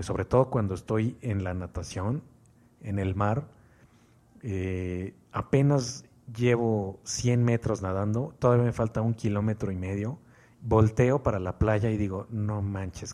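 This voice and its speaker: A man's voice: fairly low pitch, unhurried, darkish tone. A man with a Mexican accent co-hosting a podcast, talking at length in an enthusiastic, motivational way. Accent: Mexican Spanish. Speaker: podcast co-host. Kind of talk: casual podcast chat.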